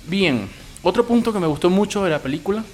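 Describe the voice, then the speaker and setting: A man's voice: high voice, lively intonation, fast talker, darkish tone, slight background noise. A man with a Venezuelan Spanish accent giving a loose, opinionated film review, swearing casually as he talks.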